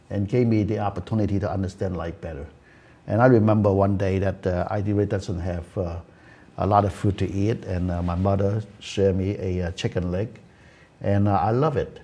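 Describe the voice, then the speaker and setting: Older Hong Kong-born man, low husky voice. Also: darkish tone. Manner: earnest storytelling with frequent "you know" and "uh". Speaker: host. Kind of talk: casual chat. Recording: community access TV studio.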